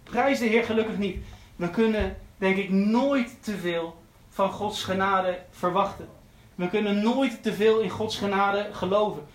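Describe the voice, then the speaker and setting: A preacher with a voice high for a man gives an earnest sermon, returning again and again to his key phrases. His tone stays steady, the pace is a little slow, and he rarely pauses. The audio echoes as if in a large church.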